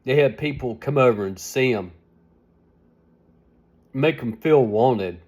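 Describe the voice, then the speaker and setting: Slow, rambling seventy-year-old man. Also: medium pitch, darkish tone, husky. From United States. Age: 70s. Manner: rambling, complaining, repeating himself. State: sleepy and tired. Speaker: vlogger. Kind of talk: casual vlog monologue.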